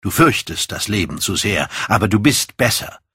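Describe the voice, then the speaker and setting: A man's voice: lowish voice, big pitch swings, normal speed, pushed and bright, husky, dry recording, studio quality, heavily acted. A man reading an audiobook, voicing a proud, secretive and volatile young man in a raised voice. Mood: pleading.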